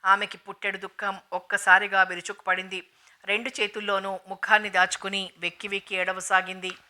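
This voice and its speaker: A woman narrating a novel in a steady, even storytelling manner, in an audiobook reading. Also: medium pitch, a little fast.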